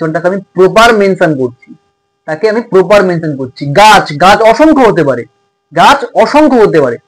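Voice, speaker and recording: A man's voice: high-pitched, rough recording. A man tutor teaching a grammar lesson to schoolchildren, repeating points and checking in often. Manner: repetitive, checks in with "okay?".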